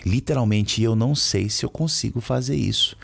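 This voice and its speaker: A man with a Brazilian Portuguese accent teaching English in a casual, slangy way, slowly repeating words to show how they sound. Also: medium pitch, vocal fry. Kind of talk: casual explanatory lesson.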